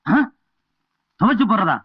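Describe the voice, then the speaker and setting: An actor playing a cheeky farmhand sent to clean a cowshed, answering back with quick comebacks. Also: male voice, high-pitched, sing-song, husky, no room sound, exaggerated voice. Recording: dull film soundtrack with music.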